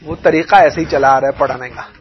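A man's voice: medium pitch, steady tone, a little fast, muffled recording, slight background noise. A man teaching a religious lesson on Quran recitation, explaining with everyday examples and often asking if listeners understood.

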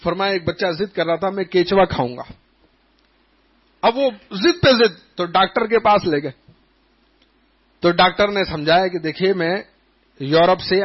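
A man with a notably high voice delivers an Islamic sermon, spinning lively anecdotes and slipping into the voices of the people in his stories. The recording is dull and lo-fi. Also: breathy edge. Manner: animated storytelling, acting out quoted voices. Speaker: preacher.

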